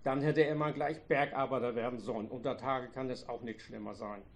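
A man voicing a retired old farmer who complains loudly and sarcastically about his grown children. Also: mid-range voice, steady tone, fairly quick, vocal fry, a little hiss or hum, close to an everyday voice. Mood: reproachful. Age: older. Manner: loud, reproachful, sarcastic.

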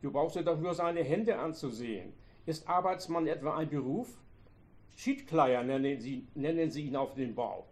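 A man voicing a retired old farmer who complains loudly and sarcastically about his grown children. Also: a little high, moderate pace, close to an everyday voice. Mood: bitter. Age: older. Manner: loud, reproachful, sarcastic.

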